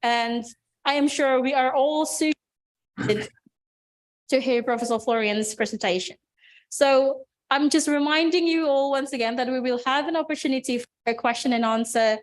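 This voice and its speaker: A woman with a high voice introduces a guest speaker at an online seminar. She sounds enthusiastic and encouraging, with a few ums, speaking over a video call. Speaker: seminar moderator.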